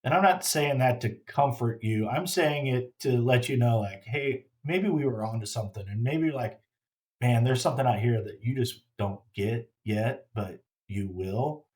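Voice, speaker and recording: Man, middle-aged, casual storyteller, halting, repeats words, reflective, plain mid pitch. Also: darkish tone. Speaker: grieving father telling his story. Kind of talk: casual spoken personal story.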